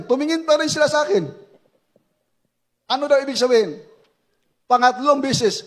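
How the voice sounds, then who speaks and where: High-pitched fervent preacher man. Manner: fervent preaching with shouted praise and acted war story. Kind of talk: sermon.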